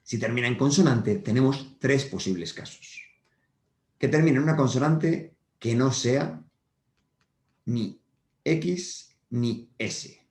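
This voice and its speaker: Taking it slowly in a mid-range, somewhat dark voice, a male primary school teacher explains grammar on the whiteboard to his pupils. He patiently repeats each point and checks in frequently, and the recording has a roomy echo.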